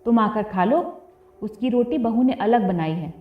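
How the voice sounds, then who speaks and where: A woman voicing a proud, sharp-tongued older village aunt who talks curtly and scolds. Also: a little high, measured pace, lightly acted. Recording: tinny phone-like audio, roomy, faint music.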